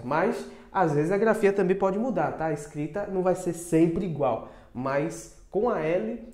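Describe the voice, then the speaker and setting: A woman teaching English in an online video lesson. She repeats each word slowly and keeps adding short tag questions. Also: mid-range voice, darkish tone. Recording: roomy echo.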